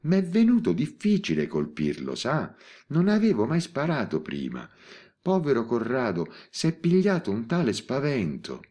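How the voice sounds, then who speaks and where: A man reading an audiobook voices an elderly spinster in her eighties who calmly and matter-of-factly confesses. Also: mid-range voice, measured pace, pitched above the performer's own voice. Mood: serene. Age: 80s. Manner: composed, matter-of-fact confession. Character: elderly spinster woman, calm and unrepentant.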